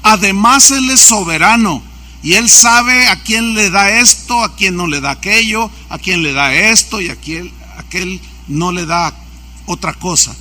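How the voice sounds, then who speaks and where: A man's voice: high-pitched, unhurried, bright, forceful tone. A man, a pastor preaching a sermon and acting out the voices of people in his stories. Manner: anecdotal, acts out quoted dialogue.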